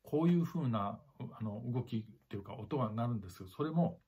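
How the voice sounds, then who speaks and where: A man with a husky, slightly breathy voice gives a clarinet lesson, singing rhythm syllables aloud to demonstrate phrasing. He talks directly to the listener and repeats key points. The recording sounds dull and lo-fi. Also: medium pitch, expressive, a little fast, soft background music. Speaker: clarinet teacher. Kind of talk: spoken music lesson.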